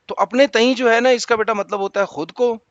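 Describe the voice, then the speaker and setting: A man's voice: extremely high pitch, steady tone, fairly bright tone, no room sound, dull audio. A male teacher patiently explaining exam answers to students, spelling out vowel marks letter by letter.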